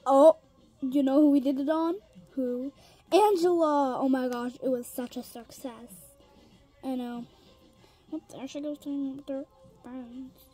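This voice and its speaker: A woman's voice: high-pitched, steady tone, a little slow, pauses often, dark tone, soft background music. A woman voicing kid characters in a pet toy role-play, rambling with lots of ums and restarts and slipping into whispered asides. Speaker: toy figure video creator.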